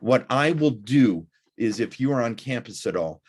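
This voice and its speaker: A middle-aged man teaching a recorded college lecture, talking deliberately with frequent "uh" fillers. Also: mid-range voice, lively intonation, darkish tone, husky. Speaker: college instructor.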